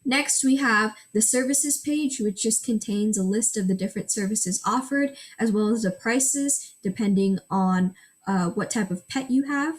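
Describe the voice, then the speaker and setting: Reading her prepared school project presentation, a Gujarati-speaking teenage girl goes through screenshots one step at a time. Her voice is on the high side, and she speaks a little slowly.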